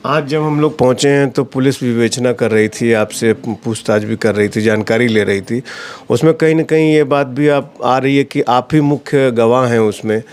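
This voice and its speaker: A man's voice: medium pitch, normal speed, a little mellow. A man with a mid-range voice reports from the field as a local news reporter. He speaks steadily and asks pointed questions of the person he is interviewing.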